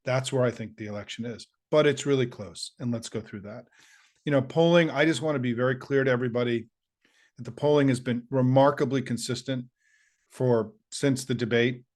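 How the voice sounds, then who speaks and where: A man's voice: medium pitch, fairly even intonation, fairly quick. Middle-aged guy with a worn scratchy voice, hyping up his followers, earnest and upbeat, lists stuff off. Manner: earnest, upbeat, rallying, with listing and asides. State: slightly hoarse, squeaky voice. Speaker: political commentator hosting his show. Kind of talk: direct-to-camera political pep talk.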